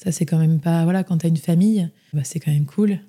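A woman's voice: lowish voice, fairly quick, mellow. A young woman telling her story as a podcast guest, chatty, with many fillers and restarts. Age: young adult. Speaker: interview guest. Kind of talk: casual podcast interview.

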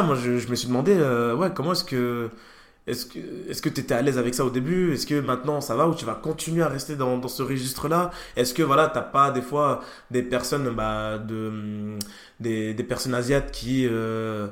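A man hosting an interview, asking questions in a relaxed, hesitant way with many fillers. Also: medium pitch, normal speed. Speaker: podcast host, interviewer. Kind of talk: casual interview chat. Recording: echoey room.

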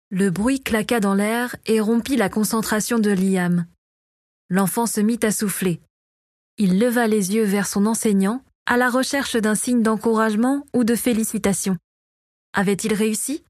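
A woman reading a fantasy novel aloud as narrator, in a steady storytelling voice, close to the mic. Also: medium pitch, dry recording. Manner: steady, even storytelling read. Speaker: audiobook narrator. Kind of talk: scripted narration.

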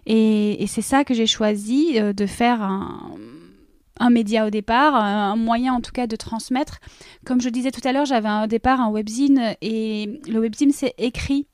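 Woman podcaster guest, fairly high voice, expressive, searching for words, dry mic. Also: unhurried, no room sound. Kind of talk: casual interview talk. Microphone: studio microphone.

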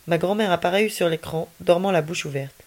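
A woman storyteller reading a children's story aloud in an expressive, lively way. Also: fairly low pitch, fairly quick.

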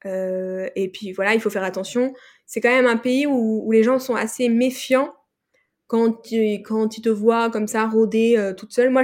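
A woman's voice: on the high side, darkish tone. A young woman from France, a podcast guest, recounting a trip in a loose, rambling way with many fillers and restarts. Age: young adult. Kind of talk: casual interview chat.

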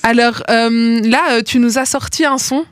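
A woman's voice: fairly high pitch, steady tone, normal speed, smooth, no room sound, clean studio sound. Playful woman radio host. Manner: playful, laughing. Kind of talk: casual radio interview.

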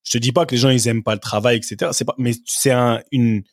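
A man's voice: mid-range voice, steady tone, quick pace, dry recording, studio quality. A man who is a former professional footballer, a guest telling anecdotes in a casual podcast chat and often adding "tu vois".

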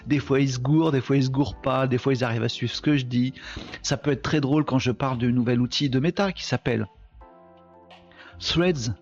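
A man's voice: medium pitch, fairly even intonation, quick pace, a little mellow, lo-fi sound, faint music behind. A tired man hosting a daily live stream, chatting casually and joking with viewers he greets by name.

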